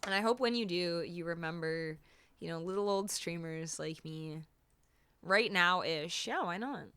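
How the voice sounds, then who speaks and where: A woman's voice: lowish voice, unhurried, a bit bright, clean tone. A woman with a Canadian accent chatting casually on a music livestream, thanking viewers in a cute, gushing way. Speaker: music streamer.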